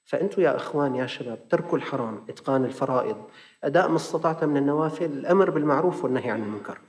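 Male Levantine preacher, quick and animated, acts out his stories, recorded with a lingering hall reverb. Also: mid-range voice. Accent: Levantine Arabic. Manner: animated storyteller acting out dialogue. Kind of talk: sermon lesson with storytelling.

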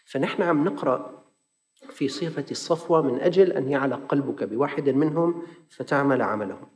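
A man with a Levantine Arabic accent preaching a lesson, telling a story and acting out the dialogue in lively fashion. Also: mid-range voice, fairly quick, in a large hall.

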